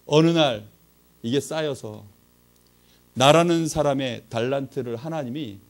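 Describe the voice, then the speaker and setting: A man's voice: medium pitch, a little slow. A middle-aged man preaching a sermon, telling a personal story and acting out the voices of the people in it.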